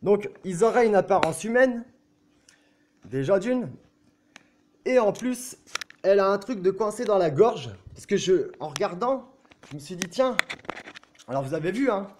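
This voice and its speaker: A man with a notably high voice for his sex talks straight to his viewers in an excitable, insistent way. He repeats himself, keeps seeking their agreement, and lets casual swear words slip out. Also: measured pace, pauses often, slight background noise. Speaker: video blogger. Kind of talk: casual talk to camera.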